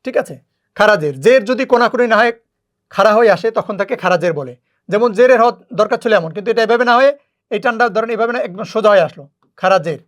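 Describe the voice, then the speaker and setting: Patient teacher for a beginner lesson, clear and repetitive. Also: medium pitch, lively intonation. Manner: patient, repeats rules slowly. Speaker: Quran reading teacher. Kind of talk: step-by-step lesson.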